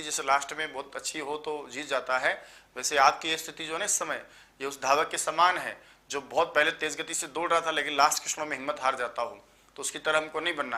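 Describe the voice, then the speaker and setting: A man, tired after just waking up, teaching a live online exam-prep lecture and listing terms in quick runs. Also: on the high side, pushed and bright. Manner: explanatory, lists terms in quick runs, addresses students as sir.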